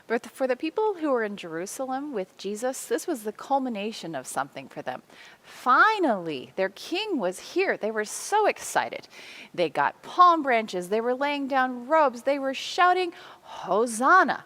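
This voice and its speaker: Church organist, woman, middle-aged; animated, swinging delivery for a devotional music segment. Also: on the high side. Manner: warm, expressive explaining, counting beats aloud.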